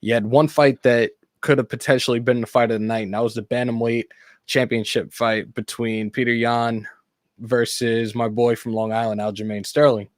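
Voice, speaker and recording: A man's voice: medium pitch, moderate pace, no room sound. Ranting sports podcast man, dry mic. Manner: animated, ranting, laughs easily. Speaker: podcast co-host. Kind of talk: casual sports chat.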